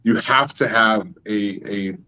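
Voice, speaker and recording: A man's voice: on the low side, slow, bright, forceful tone, muffled recording. A man hosting a podcast, candid and self-deprecating, swearing casually. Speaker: podcast host.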